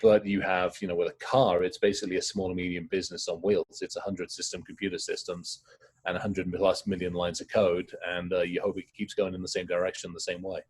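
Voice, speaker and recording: A middle-aged man, a guest in a casual interview, talking in quick, rambling stories. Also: sits low, little pitch movement, husky. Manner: fast, rambling storytelling.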